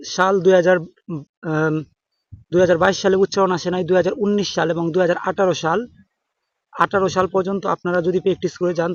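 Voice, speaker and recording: A young man with a Bangladeshi Bengali accent giving an informal exam-prep lesson, halting with many fillers and restarts. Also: high voice, dry recording. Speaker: exam tutor. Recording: dull dry close recording.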